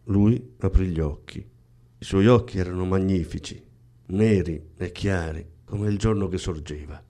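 A man reading a novel aloud in a slow, hushed, measured way. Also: low-pitched. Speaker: audiobook reader. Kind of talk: scripted literary narration.

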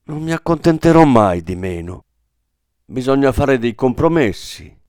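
A man's voice: medium pitch, big pitch swings, unhurried, a little mellow, no echo, clean studio sound. A man reading the lines of a proud, idealistic young woman in a radio reading. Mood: firm.

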